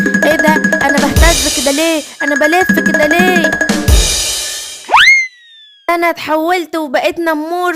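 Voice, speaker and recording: A woman's voice: high voice, lightly acted. A woman with an Egyptian accent voicing a small, weak male tiger cub who pleads to join in. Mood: excited. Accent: Egyptian Arabic. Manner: pleading, sad.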